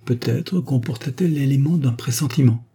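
Warm, husky male narrator. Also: medium pitch, brisk, soft background music. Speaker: audiobook narrator. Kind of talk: scripted story narration.

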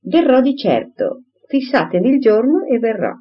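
A woman's voice: a little high, very animated, normal speed, pitched above the performer's own voice. A woman reading an audiobook, voicing a pompous, bossy married lady who gushes and insists, in a dull lo-fi recording. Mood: eager, pushy. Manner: gushing, insistent, talks over others.

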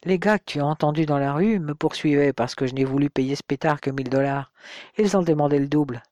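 A man reading the part of a mocking, bitter young man with a slow, taunting way of talking. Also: fairly high pitch, a little mellow, no echo, studio quality, lightly acted. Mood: gloating.

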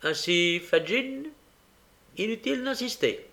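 A man's voice: high-pitched, lively intonation, takes it slowly, vocal fry, bright, forceful tone, voice pushed up, exaggerated voice. A man voicing a bold young woman who speaks with defiance and, at times, desperate pleading. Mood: defiant.

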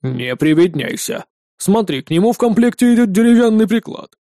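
A man voicing an old male gunsmith with a hoarse voice, who talks slowly and grumbles calmly. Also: high voice, no room sound, studio quality. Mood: reproachful. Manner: slow, unhurried and gently reproachful.

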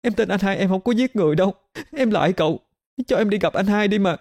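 A man voicing a young village woman who pleads and cries in a high, strained voice. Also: steady tone, fast talker, lightly acted. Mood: tearful pleading. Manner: high strained crying pleas.

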